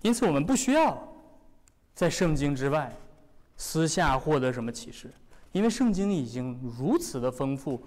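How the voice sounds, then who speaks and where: A male preacher delivers a sermon with lively, questioning emphasis. His voice sits a little high, and a long reverb from a large hall trails every phrase. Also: normal speed. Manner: animated, full of rhetorical questions.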